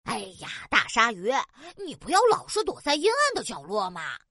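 A woman's voice: on the high side, huge pitch swings, normal speed, sharp tone, dry recording, clean studio sound, exaggerated voice. A woman voicing a small, cheerful pilot fish in a children's cartoon, chirpy and coaxing.

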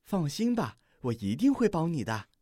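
A storybook reader voicing a kind, playful young deer in a soft, gentle, yielding voice. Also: mid-range voice, big pitch swings, moderate pace, no room sound, studio quality.

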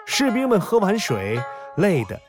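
Man storyteller for kids, higher voice, very lively pitch, faint music behind. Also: a little slow. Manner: expressive, explaining for children. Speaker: narrator. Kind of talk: children's story narration.

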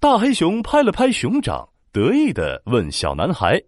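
Very animated male storyteller. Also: fairly high pitch, moderate pace, no room sound, clean studio sound. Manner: animated, expressive. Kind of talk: children's story narration.

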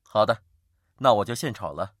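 A man voicing a calm, confident young archer in a children's story, speaking steadily and modestly. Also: on the low side, moderate pace, no echo, studio quality, pitched below the performer's own voice.

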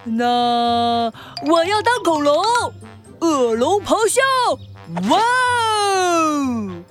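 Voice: high-pitched, lively intonation, takes it slowly, faint music behind. An actor voicing a playful young rhino in a children's audio story, roaring and growling as a pretend dinosaur. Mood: roaring, excited.

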